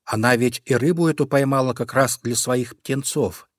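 A man narrating a children's storybook in a calm, expressive manner. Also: medium pitch, moderate pace, dry recording, studio quality. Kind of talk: storybook reading.

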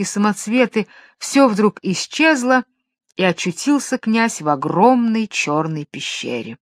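A woman narrating a fairy tale in a calm, measured storytelling voice. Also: mid-range voice, no room sound, clean studio sound.

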